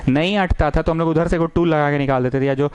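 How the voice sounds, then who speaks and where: A man teaching a maths lesson, coaxing his students and repeating lines slowly as he dictates. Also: fairly high pitch, darkish tone, clear, resonant tone, no room sound, poor audio. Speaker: maths tutor.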